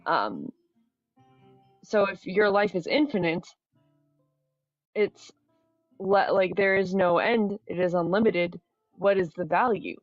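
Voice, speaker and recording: A woman's voice: medium pitch, takes it slowly, pauses often, dry recording. A woman in a casual debate, explaining her point step by step and checking that the listener follows. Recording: dull, dry audio, music behind.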